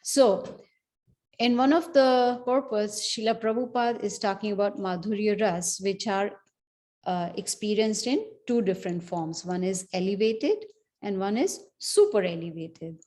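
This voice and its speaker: Speaking at a measured pace in a dark, mid-range voice, a woman teaches scripture. Her storytelling is conversational, sprinkled with asides and frequent "you know"s.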